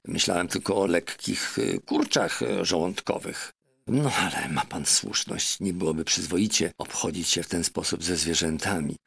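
A man's voice: low-pitched, moderate pace, creaky, a bit bright, slightly rough, no echo, heavily acted. A man voicing a chatty, scheming middle-aged meat seller with a fawning, wheedling manner, in a storybook reading.

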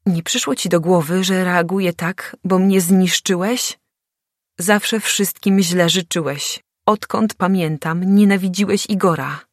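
A woman's voice: fairly low pitch, measured pace, no echo, studio quality, voice pushed up. A woman reading an audiobook, voicing an angry young man who speaks reproachfully and hisses through clenched teeth.

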